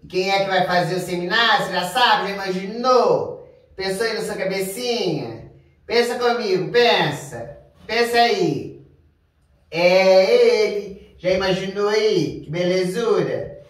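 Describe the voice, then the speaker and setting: A man hosting a comic storytelling show, talking in a playful, drawn-out way. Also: high voice, expressive, fairly bright tone. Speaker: storyteller host. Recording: echoey room, far from mic.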